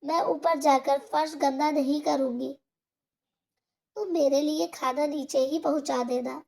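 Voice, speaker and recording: A gentle, trusting old mother from a spoken storybook, read by a woman narrator. She pleads in a soft, high voice and takes her time over each phrase. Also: steady tone, measured pace, vocal fry. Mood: pleading.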